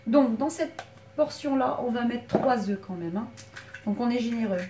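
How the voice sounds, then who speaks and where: At a moderate pace and in a slightly high voice, a woman casually demonstrates cooking in her small back kitchen, chatting to viewers with a bit of a frog in her throat. A distant mic in the echoey kitchen picks up loud noise from clattering pans and utensils.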